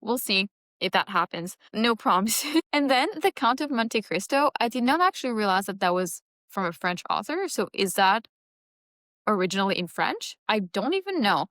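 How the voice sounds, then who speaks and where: This young Mauritian book vlogger has a medium-pitched, sing-song, slightly bright voice and speaks at normal speed. Her first language is Mauritian Creole, and she chats casually about her reading plans, thinking aloud and lightly teasing herself, in clean studio sound with no room ambience.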